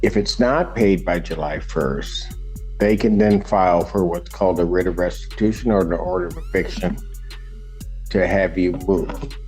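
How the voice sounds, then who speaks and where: A man's voice: deep voice, moderate pace, a little mellow, soft background music, low-quality recording. A man serving as judge, patiently explaining a ruling step by step in a courtroom recording. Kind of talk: courtroom proceedings.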